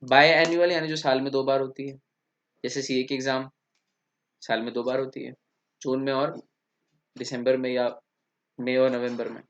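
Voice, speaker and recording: An English teacher with an Indian accent delivers a classroom vocabulary lecture in a medium-pitched, flat voice at normal speed, with long pauses. He explains step by step and keeps checking in with students, often asking "theek?", in a dull lo-fi recording.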